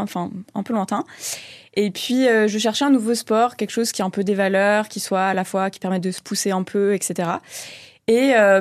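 Woman guest, relaxed and hesitant, dry studio sound. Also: mid-range voice, no echo. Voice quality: casual, hesitant with fillers. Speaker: new player, guest. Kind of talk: radio interview. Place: radio studio.

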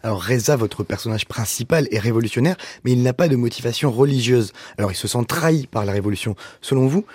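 A man hosting a radio interview, asking questions in a measured, formal way from a studio. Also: mid-range voice, expressive, a little mellow, slightly rough, dry recording. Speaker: radio host.

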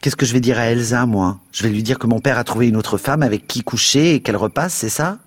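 A man's voice: medium pitch, fast, husky, no echo, pitched above the performer's own voice, natural voice. A man voicing an impulsive, indignant teenage girl, speaking in a raised, heated way in a read-aloud story.

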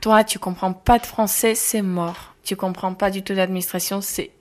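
Young Ukrainian woman, earnest and halting. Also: mid-range voice, fairly even intonation, darkish tone. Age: 20s. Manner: earnest, halting non-native French with restarts. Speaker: interviewee. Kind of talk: casual testimony.

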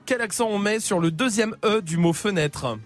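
Playful, high-voiced radio quiz host. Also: male voice, soft background music. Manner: quick, playful, teasing, with many "euh" fillers. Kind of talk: lively radio quiz hosting. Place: radio studio.

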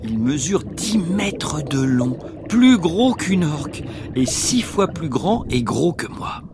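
Animated man narrating like a nature documentary. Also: fairly high pitch, slow, background noise. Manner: animated, dramatized commentary. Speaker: podcast host and narrator. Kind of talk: nature documentary-style narrated adventure for children.

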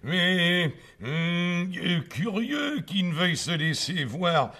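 A man's voice: high-pitched, lively intonation, slow pace, bright, forceful tone, exaggerated voice. An actor playing a persuasive nobleman who coaxes his guest, in a 1960s radio drama. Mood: coaxing.

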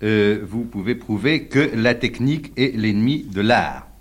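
A man asking measured, polite questions as an interviewer on an archival radio program. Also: on the low side, lively intonation, slightly rough.

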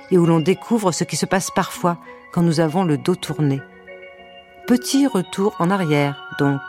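A woman storyteller reading a children's story aloud, with a gentle, wry narration and playful asides. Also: sits low.

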